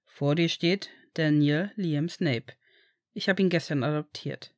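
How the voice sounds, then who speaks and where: A woman voicing a reserved, quietly warm grown man in a storybook reading, speaking low and measured. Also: no echo, clean studio sound. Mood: calm.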